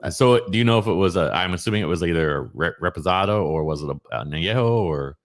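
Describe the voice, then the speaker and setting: Fast-talking deep-voiced man. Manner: relaxed, chatty, tasting whiskey. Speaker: host. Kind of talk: casual chat.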